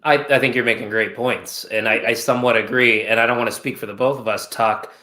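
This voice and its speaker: A man hosts a relaxed podcast conversation, clear and forward in tone. He shifts into a playful mock announcer delivery when he reveals winners. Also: mid-range voice, quick pace. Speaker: podcast host. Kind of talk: casual podcast chat.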